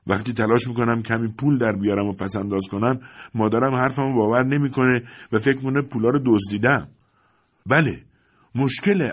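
A man with a husky voice voicing a proud, frustrated Italian teenage boy in an audiobook, pushing out indignant, pleading outbursts. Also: medium pitch, voice pushed up, natural voice. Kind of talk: audiobook character voice.

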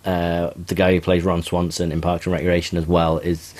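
A young man hosts a casual chat in a very low voice. He is talkative and teasing and often stumbles over repeated words as he restarts. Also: monotone, normal speed, darkish tone. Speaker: podcast host.

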